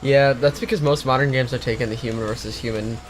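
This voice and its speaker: A man's voice: mid-range voice, fairly even intonation, quick pace, faint music behind. Young man rambling over gameplay. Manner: rambling, full of likes and restarts. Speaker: co-host. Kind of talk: casual gaming chat.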